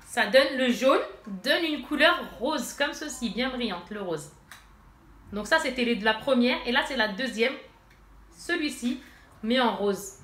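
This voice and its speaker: A woman's voice: a little high, expressive, measured pace, fairly bright tone. A woman vlogger with a stuffy nose from allergies, chatting casually to her viewers as she shows and swatches makeup. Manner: chatty, addresses viewers directly, many fillers. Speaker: beauty vlogger. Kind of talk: casual haul and swatch demo. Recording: echoey room, faint noise.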